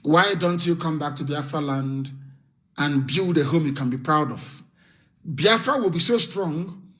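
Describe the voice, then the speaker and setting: A man's voice: high voice, fairly bright tone. A man giving a fiery, scornful political broadcast, full of repetition. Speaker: political activist leader.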